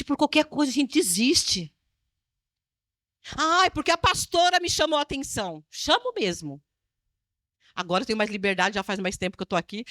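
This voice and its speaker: A woman pastor from Brazil preaching with lively, teasing drama. Her voice sits a little high and the sound is dry and close. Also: dry recording. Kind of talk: sermon.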